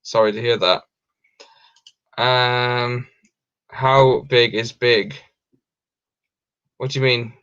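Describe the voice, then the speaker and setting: A man's voice: medium pitch, steady tone, very slow, long pauses, fairly bright tone, clean tone. A young Welsh man hosting a casual livestream, reading out viewer questions and answering in a rambling way with many ums and restarts. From Wales. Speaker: livestream host. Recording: dull lo-fi stream audio.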